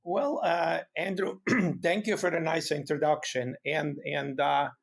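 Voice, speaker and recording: Gravelly Swiss-accented middle-aged man. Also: on the high side, steady tone. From Switzerland. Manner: halting, repeats words, earnest. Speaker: guest, hoof care expert. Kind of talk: casual interview talk.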